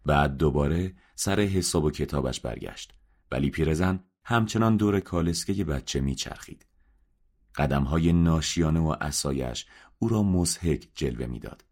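A man reading a story aloud in a measured, subdued narration. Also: very deep voice, expressive, a little mellow. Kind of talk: scripted audiobook narration.

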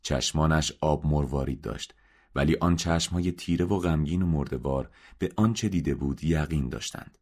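A man reading a story aloud in a measured, subdued narration. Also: a bass voice, a little mellow. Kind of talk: scripted audiobook narration.

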